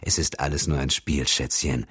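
A man voicing a calm, menacing killer in an audiobook thriller, speaking slowly and quietly. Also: extremely low pitch, breathy edge, no echo, studio quality, full character voice. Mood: cold. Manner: slow, quiet, measured menace. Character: cold, smooth male killer, calm and menacing.

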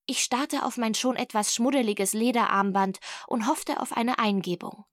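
A woman narrating a children's audiobook with lively storytelling and voices for the characters. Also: a little high, normal speed, dry recording, clean studio sound.

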